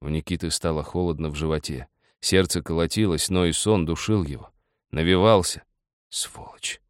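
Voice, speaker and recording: A man with a very deep voice narrates a literary story calmly, steadily. The recording is dry and close, with no echo. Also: fairly quick, clean tone. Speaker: audiobook reader.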